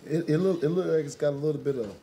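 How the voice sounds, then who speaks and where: A man's voice: a little high, fast talker, warm tone, slight background noise. A man co-hosting a food review, bantering and teasing his partner in casual talk. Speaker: co-host of a food review show. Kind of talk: casual chat.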